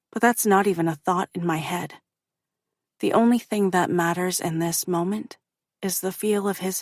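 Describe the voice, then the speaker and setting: Woman narrating a romance audiobook, gravelly low voice, dry close sound. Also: no echo. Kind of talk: scripted first-person romance narration.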